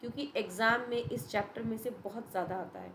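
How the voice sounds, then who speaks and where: A woman's voice: a little high, fairly quick, fairly bright tone, slight background noise, poor audio. A woman teacher giving a patient, step-by-step revision lesson to young students, mixing Hindi and English. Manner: patient, explains step by step, addresses students as beta.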